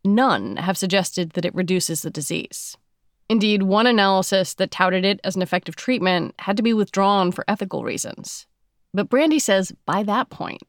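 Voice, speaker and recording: A woman's voice: medium pitch, no room sound, clean studio sound. A woman with an American accent hosting a podcast, moving between scripted narration and interview questions. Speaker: podcast host.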